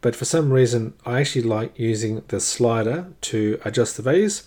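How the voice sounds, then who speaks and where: A man with a slightly husky voice giving a casual, unhurried step-by-step tutorial, explaining each action as he goes. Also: mid-range voice, animated, a little mellow. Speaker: tutorial presenter. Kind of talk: step-by-step spoken demonstration, casual.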